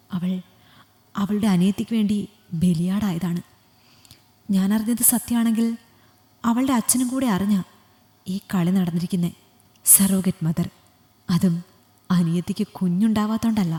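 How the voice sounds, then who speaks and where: A woman's voice: medium pitch, moderate pace, long pauses, dark tone, natural voice. A woman voicing a loyal, protective male friend who speaks in an urgent, reassuring way. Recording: long hall reverb.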